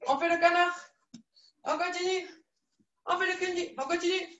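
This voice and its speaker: A woman with a high voice leads a children's judo class, coaxing and lively as she repeats every instruction. She sounds echoey and far from the mic, as if filmed across a room. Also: normal speed, highs cut off. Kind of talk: live online kids' class, story-led exercises.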